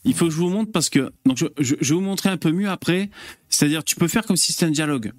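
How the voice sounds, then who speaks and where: A man's voice: a little high, fast talker, no echo, clean studio sound. A man hosting a casual live stream, chatting with viewers in a loose, hesitant way with lots of fillers and curse words. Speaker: host.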